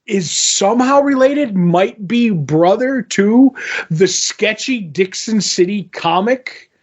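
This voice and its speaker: A man's voice: sits high, animated, slow. A man in his fifties, a podcast co-host, telling a rambling story in casual chat and acting out what everyone said. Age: 50s. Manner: rambling storyteller, acts out quoted exchanges, laughs easily.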